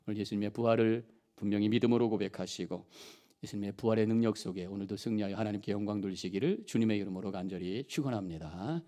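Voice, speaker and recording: Middle-aged pastor guy preaching, gets loud then goes soft, pretty average pitch. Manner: impassioned, swells loud on key phrases, then drops soft. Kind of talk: sermon.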